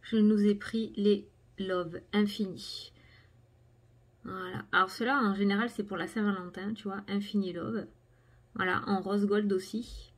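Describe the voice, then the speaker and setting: A middle-aged woman who hosts cartomancy videos chats casually in a product review, using lots of fillers as she shows items to the camera. Her medium-pitched voice is measured and fairly even, with a breathy edge.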